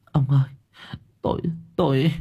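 A man's voice: fairly low pitch, sing-song, normal speed, creaky, slightly rough, muffled recording, full character voice. A man voicing a frightened older village wife who stammers and trembles as she speaks in an audio story. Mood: terrified stammering.

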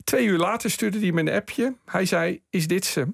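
A man with a gravelly, slightly high voice, dry and close in a radio studio. He tells his tale with life, chuckling along and putting on the voices of the people he met. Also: normal speed, no room sound. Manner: lively, chuckling storyteller who acts out quoted voices. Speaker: guest telling his own story. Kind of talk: radio anecdote storytelling.

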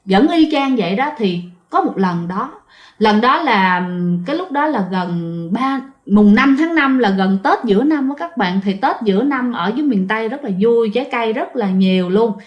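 A woman's voice: fairly high pitch, expressive, normal speed, highs cut off. A woman with a Southern Vietnamese accent, casually telling a ghost story and speaking straight to her listeners. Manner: chatty, addresses listeners directly, frequent fillers.

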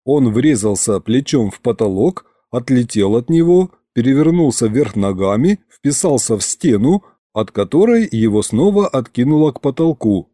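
Lively man reading his own book. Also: medium pitch, normal speed, dry recording, clean studio sound. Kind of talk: audiobook narration.

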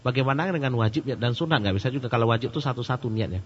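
A man giving a casual question-and-answer sermon, joking and animated. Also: medium pitch, racing, breathy edge, long reverb tail. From Sumatra. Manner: joking and animated, laughs at his own jokes. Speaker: Islamic preacher. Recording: muffled lo-fi recording with faint hum.

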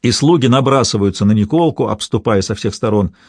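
A man reading a historical tale aloud in measured, storytelling narration. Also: lowish voice, dry recording, studio quality.

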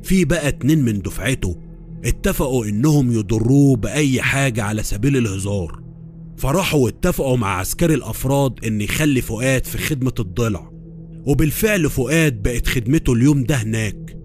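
A man's voice: mid-range voice, animated, fast, darkish tone, faint music behind. A man with an Egyptian Arabic accent, narrating a horror story in a confiding first-person way.

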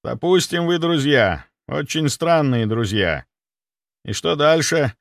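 A man's voice: lively intonation, slow, gravelly, no echo, clean studio sound, full character voice. A man voicing a panicky middle-aged male clinic director who talks in an anxious, pleading rush. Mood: wary. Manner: anxious, pleading, high-strung.

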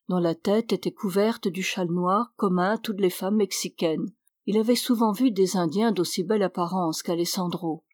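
A woman narrates a novel aloud in a steady, measured audiobook reading. Her voice sits at a mid pitch. It is recorded close and dry, with no echo. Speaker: audiobook reader. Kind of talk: scripted narration.

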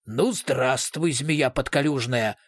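A man's voice: mid-range voice, slow, slightly rough, dry recording, clean studio sound. A man voicing a brutal male police investigator who switches between sugary politeness and snarling threats.

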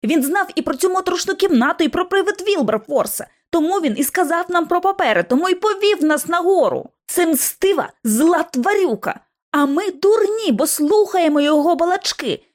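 A woman's voice: very high voice, lively intonation, normal speed, hardly any pauses, voice pushed up. A woman voicing a hot-tempered teenage girl who argues heatedly in a storybook reading. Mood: angry. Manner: heated, shouting.

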